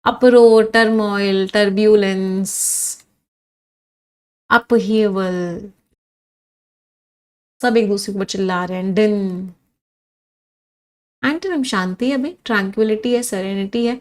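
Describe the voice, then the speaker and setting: A woman with an Indian accent teaching English vocabulary in a live online class, listing synonyms and reading out student comments. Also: fairly high pitch. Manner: animated, reads comments and drills synonyms with students.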